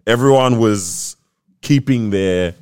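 A man's voice: fairly low pitch, slow, darkish tone, smooth, dry recording, studio quality. A young man chatting casually as a podcast co-host, full of street slang. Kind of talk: casual chat.

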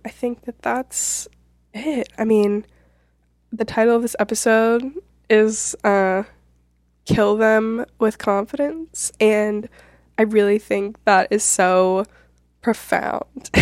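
A woman's voice: mid-range voice, a little mellow, no echo, clean studio sound. A woman with a congested, nasal voice hosting a casual solo advice podcast, speaking in an informal, rambling and reassuring way. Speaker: podcast host; realtor.

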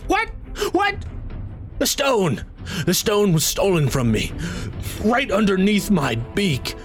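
A man voicing a proud bird-like male king in a tabletop game, speaking in a grave, halting way. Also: high voice, wildly swooping pitch, faint music behind, voice pushed up, heavily acted. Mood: frantic.

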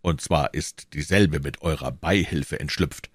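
A cold, suspicious commissioner in a storybook audiobook, voiced by a man in a very low voice. He questions in a stern, indifferent manner, recorded close and dry. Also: measured pace, no echo. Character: cold, suspicious male police commissioner, middle-aged. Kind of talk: audiobook reading.

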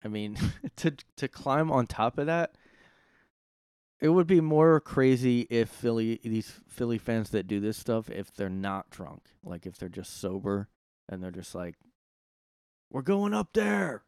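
A man with a smooth, clear voice sits in his room hosting a solo podcast, recorded close and dry. He rambles and swears freely, now and then jumping into loud outbursts. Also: on the low side, a little slow, no room sound. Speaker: podcast host. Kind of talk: casual solo monologue.

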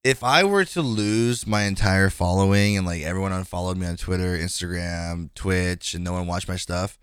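A man in his twenties hosts a casual podcast conversation, speaking frankly and rambling with many fillers and restarts. His voice is low-pitched and smooth with a fairly bright tone and moderate pace, captured in a dry, studio-quality recording.

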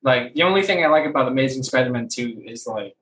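A man's voice: mid-range voice, lively intonation, fast talker, a bit bright, roomy sound, poor audio. A young man co-hosting a casual movie chat, rambling and opinionated with lots of fillers. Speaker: podcast co-host.

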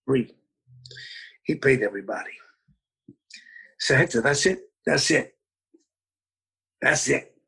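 A man's voice: mid-range voice, lively intonation, takes it slowly, creaky, pauses often, bright, forceful tone, slightly rough. A man telling old band stories in an interview, rambling along with many fillers and restarts. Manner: rambling, full of "you know" fillers and restarts. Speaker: musician recalling band days. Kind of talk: anecdotal storytelling interview.

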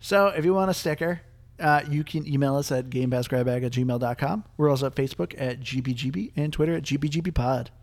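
A young man hosting a casual gaming podcast, chatty and quick to laugh, with plenty of filler words. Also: medium pitch. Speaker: podcast host.

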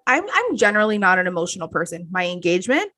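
A young woman co-hosting a casual chat, talking in a chatty, animated way full of "like" and quoted asides. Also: on the low side, fast talker. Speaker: podcast co-host. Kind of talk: casual chat recapping a reality show.

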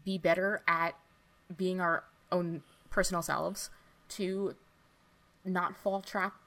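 A woman's voice: lowish voice, flat delivery, takes it slowly, a bit bright. A woman co-hosting a podcast in casual chat, rambling with lots of filler words. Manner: chatty, lots of likes and you-knows. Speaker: podcast co-host.

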